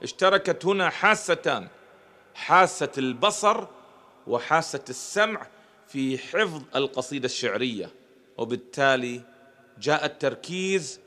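A man with a somewhat high-pitched voice delivers a motivational lecture to an audience. He addresses the listeners directly and raises his pitch to stress key points. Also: a bit bright. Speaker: motivational speaker.

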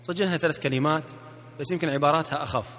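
A man's voice: a little high, rapid-fire, fairly bright tone. Playful coaxing Gulf Arabic man. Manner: playful, coaxing, repeats phrases for the listener to echo. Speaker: marriage coach. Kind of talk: recorded self-help audio lesson.

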